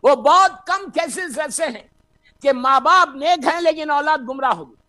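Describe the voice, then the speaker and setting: A man giving an impassioned sermon as a cleric, slipping in English phrases and breaking into shouts. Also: extremely high pitch.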